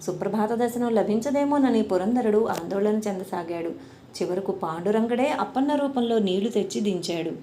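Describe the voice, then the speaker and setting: Mellow-voiced woman narrating a devotional tale. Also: medium pitch, animated. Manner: measured, formal reading. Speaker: storyteller. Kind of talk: scripted devotional story narration. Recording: roomy echo, faint noise.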